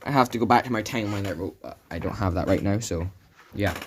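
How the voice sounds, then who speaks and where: A man's voice: on the low side, fast, a little hiss or hum. A man casually telling an unscripted fan story, rambling and correcting himself as he goes.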